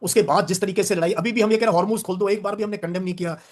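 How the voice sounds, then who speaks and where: A man's voice: sits high, fairly even intonation, rapid-fire. An older man, a retired veteran, giving emphatic, lecturing interview answers and repeating phrases for stress. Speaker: retired veteran diplomat guest.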